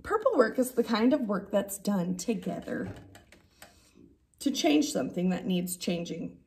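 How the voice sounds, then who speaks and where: Female teacher in her thirties for picture-book reading; very animated melody, unhurried, expressive emphasis. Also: mid-range voice, a little hiss or hum. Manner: expressive, drawn-out emphasis on key words. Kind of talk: animated children's story read-aloud. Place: indoor classroom.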